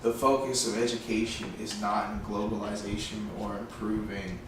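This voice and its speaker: Low-voiced questioning man, echoey room. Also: level tone, moderate pace. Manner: agreeable, asks probing questions. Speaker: podcast co-host. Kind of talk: casual chat. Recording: echoey room, distant mic, background noise.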